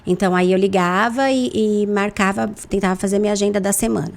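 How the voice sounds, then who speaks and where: A woman with a Brazilian Portuguese accent, a guest in a podcast interview, talking animatedly with lively, expressive intonation. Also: medium pitch, quick pace, vocal fry. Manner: animated, lively intonation, acts out phone calls in voices. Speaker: guest, insurance broker.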